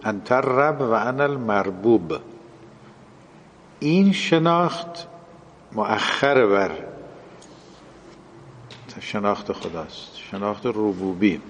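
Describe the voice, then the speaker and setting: A man's voice: fairly low pitch, animated, pauses often, big-room sound, a little hiss or hum. A man giving a religious lecture in a classroom style, explaining and translating quoted Arabic phrases.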